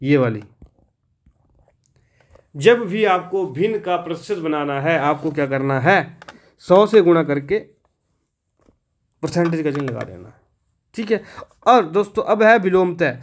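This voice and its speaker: A man with a fairly high voice explains an exam-prep math lesson. He keeps asking his listeners questions and then answers them himself. He talks to them casually, calling them friends and brother. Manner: asks students questions and answers them, repeats steps. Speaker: teacher.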